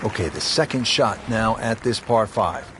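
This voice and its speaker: A man voicing a calm golf play-by-play announcer in a video game, calling shots in a measured way. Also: on the low side, background noise, natural voice. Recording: game audio with music and crowd.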